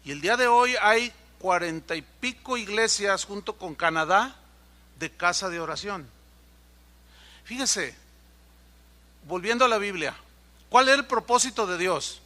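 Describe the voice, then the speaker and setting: A man preaching a sermon as pastor, acting out quoted conversations in an animated way. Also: high voice, a little slow, long pauses. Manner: animated, acts out dialogue in quoted voices.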